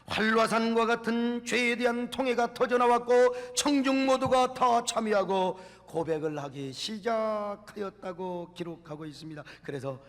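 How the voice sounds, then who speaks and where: Dramatic high-voiced preaching man. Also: unhurried, hardly any pauses. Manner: dramatic, swinging from shouts to whispers. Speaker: pastor. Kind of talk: dramatic sermon storytelling. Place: large church sanctuary. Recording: long church hall reverb.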